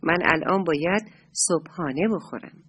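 A woman's voice: sits low, fairly bright tone, husky. A woman doing a stubborn, matter-of-fact crab. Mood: firm. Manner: firm refusals.

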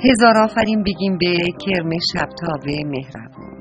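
A woman narrating a bedtime story to children, talking to them directly in a gentle way. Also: fairly low pitch, expressive, dull audio, over music. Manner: warm, addresses the children directly.

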